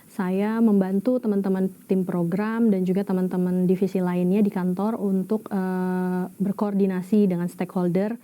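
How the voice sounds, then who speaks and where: A woman's voice: mid-range voice, little pitch movement, moderate pace, mellow. A woman in her thirties working in HR, answering interview questions casually with some hesitation. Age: 30s. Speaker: HR administrator.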